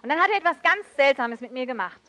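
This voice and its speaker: A woman preaching a sermon with emotive swings between loud outbursts and soft, hushed passages. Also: high-pitched, lively intonation, fast talker. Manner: switches briefly into English.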